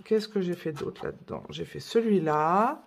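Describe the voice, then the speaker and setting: A woman's voice: lowish voice, normal speed, gravelly. Chatty woman rambling over her books. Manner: chatty, rambling, full of fillers and self-corrections. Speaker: coloring book vlogger. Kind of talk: casual show-and-tell chat.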